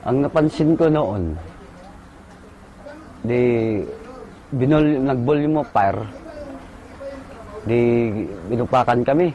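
A man, a soldier, recalling a firefight in short halting bursts and military jargon. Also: mid-range voice, warm tone, dull audio, slight background noise. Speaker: soldier recounting combat. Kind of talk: casual spoken recollection.

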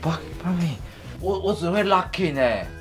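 A man's voice: fairly high pitch, very animated, fast talker, a bit bright, faint music behind. A young man playing a clueless, eager apprentice plumber in a comedy sketch, stammering, with a Taiwanese accent. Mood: confused. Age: young adult. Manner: flustered, stammering. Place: indoor room of a home.

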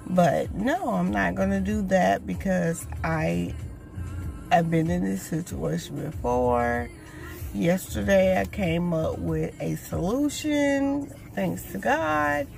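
Slow, gravelly woman rambling over faint music. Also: lowish voice, animated, darkish tone. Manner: rambling and unhurried, many fillers; earnest, encouraging. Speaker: vlogger. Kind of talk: casual faith-based video diary. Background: radio playing in the background.

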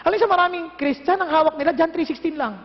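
A middle-aged man with a Filipino accent, preaching a lively sermon and acting out little dialogues. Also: very high voice, quick pace. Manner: animated, mixes Tagalog and English, acts out dialogues. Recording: dull echoey hall recording.

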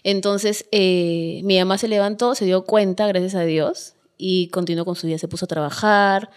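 A woman's voice: medium pitch, fairly even intonation, moderate pace, smooth. A woman with a Peruvian accent talks candidly as a podcast guest. Her voice sits in an ordinary middle register, and she leans hard on the points she cares about. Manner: emphatic, candid storytelling. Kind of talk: casual podcast interview.

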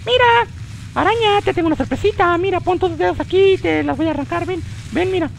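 A man doing a high, gravelly put-on voice of a sly character who sweetly taunts and threatens a spider. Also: fairly quick, a little hiss or hum. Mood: mocking.

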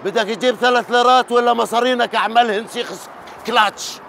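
A man playing a rough, threatening car valet with a streetwise manner. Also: extremely high pitch, fairly even intonation, fast, fairly bright tone, slight background noise, full character voice. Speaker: car valet in a comedy sketch. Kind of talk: sketch comedy acting.

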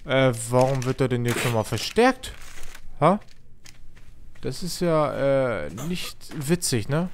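Excitable man doing let's play commentary. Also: mid-range voice, slow, a little hiss or hum. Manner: excitable, talks to the game creatures. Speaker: gaming streamer.

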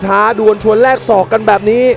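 A man giving excited, exclamatory live commentary on a Muay Thai boxing match. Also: sits high, fairly quick. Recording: music and crowd noise behind. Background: arena crowd and music.

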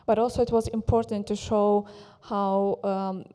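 Woman in halting English, echoing hall. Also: mid-range voice, little pitch movement, dark tone. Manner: halting non-native English with many fillers. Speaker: presenting speaker on photography. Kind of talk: presentation with consecutive interpreting. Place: large hall. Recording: long hall reverb.

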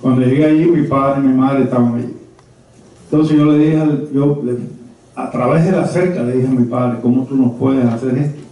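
A conference speaker from Havana, elderly and in his seventies or beyond, tells a few personal stories to a small audience, pausing and choosing his words with care. His voice is medium in pitch, fairly even, and sounds very dark and subdued. Picked up by a distant camera rather than his handheld mic, it echoes heavily and sounds muffled.

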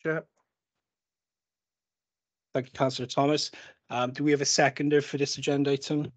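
A man's voice: mid-range voice, level tone, moderate pace. A man chairing a council meeting as mayor. He reads out agenda items in turn and calls on members to speak, talking into a desk microphone in a large council chamber.

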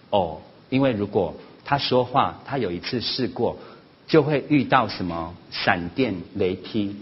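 A man giving a sermon-style parenting lesson at church, animated, often acting out family quarrels in a raised voice. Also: fairly low pitch, husky. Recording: slightly dull lo-fi recording with faint noise.

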